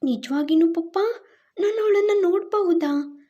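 A woman voicing an innocent, eager little girl in a spoken storybook, with a high childlike voice. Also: unhurried, mellow, dull audio.

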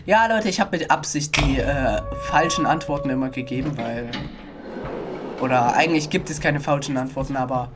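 A man's voice: medium pitch, normal speed. A young man giving sarcastic let's-play commentary and mocking the game characters as he plays. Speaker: gaming YouTuber. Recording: game music playing behind the voice.

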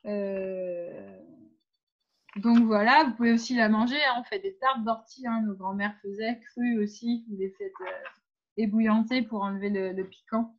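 A woman's voice: mid-range voice, steady tone, unhurried. A woman leading an informal workshop on pregnancy and birth, giving practical advice straight to her listeners with frequent hesitations. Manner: practical, instructive, addresses listeners directly with many hesitations. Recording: dull lo-fi sound.

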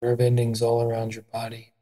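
A body scan is guided by an adult with a medium-pitched voice who stays calm and gentle. The guide never rushes and lets pauses sit between phrases.

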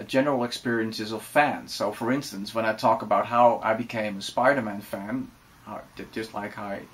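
A Dutch man in his forties with a Dutch accent, chatting relaxed and casually to camera with many fillers in a room lined with bookshelves. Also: mid-range voice. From Netherlands. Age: 40s. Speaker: vlogger. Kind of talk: casual vlog talk to camera.

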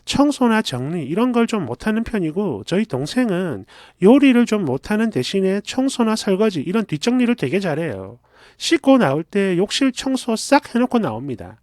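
High lively voiced guy reading a story out, chatty, dry close mic. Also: moderate pace, no room sound. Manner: chatty, expressive, confiding. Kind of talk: first-person story reading.

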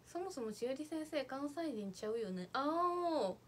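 A young woman, an idol livestreamer, chats casually on her stream, reading viewer comments aloud and thanking people as she goes. Her voice is high and sing-song, her pace a little slow, with slight background noise.

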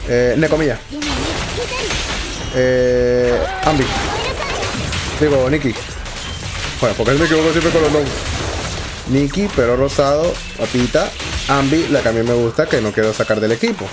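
A young man giving excitable let's play commentary, swearing often and talking to himself. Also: medium pitch, moderate pace, long pauses, music in the background. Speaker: gaming YouTuber.

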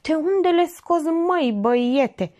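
A woman's voice: mid-range voice, sing-song, voice pushed up, natural voice. A woman voicing a blunt, earthy older woman who talks in a coarse rustic way. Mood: amazed. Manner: coarse, rustic country speech.

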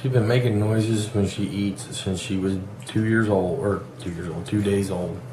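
A man's voice: lowish voice, fairly even intonation, moderate pace. A man vlogging at the dinner table at home, chatting playfully with his child in a teasing way, with hesitant fillers. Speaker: vlogger and father. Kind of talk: casual home vlog chat. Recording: roomy echo with light background noise.

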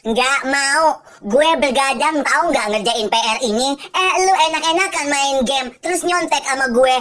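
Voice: sits high, moderate pace, a bit bright. Voice actor playing a flustered cartoon schoolgirl. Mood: defensive. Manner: pleading and defensive. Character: gaming-loving schoolgirl, flustered and easily bullied. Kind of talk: cartoon voice acting.

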